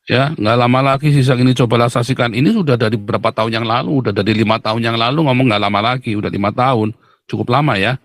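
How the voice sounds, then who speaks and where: A man's voice: medium pitch, steady tone, fast, a bit bright, no echo. Host, man, preachy and scornful, mid-range voice, dry room. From Indonesia. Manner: blunt, mocking, lecturing, addresses viewers as "saudara". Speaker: live stream host. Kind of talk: live stream religious commentary.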